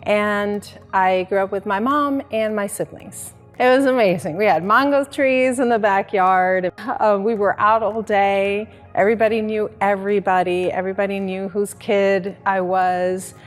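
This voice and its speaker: A woman's voice: medium pitch, fairly even intonation, a little slow, few pauses, in a large hall, soft background music. A woman in her forties from the Dominican Republic, a life coach, telling her life story in an earnest, reflective way. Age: 40s. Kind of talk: personal story in an interview.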